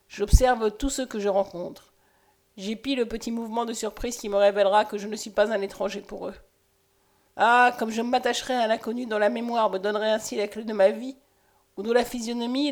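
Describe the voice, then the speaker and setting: A woman's voice: on the high side, darkish tone, close to an everyday voice. A woman reading the part of a man who has lost his memory, speaking earnestly and with passion in a storybook reading. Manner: earnest, impassioned. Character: haunted man with lost memory, pleading and intense.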